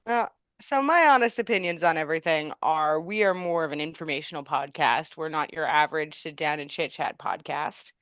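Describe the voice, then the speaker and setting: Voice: mid-range voice, brisk, fairly bright tone, clear, resonant tone, dry recording. A podcast co-host in casual chat, matter-of-fact with a dry wit, on a dull lo-fi mic.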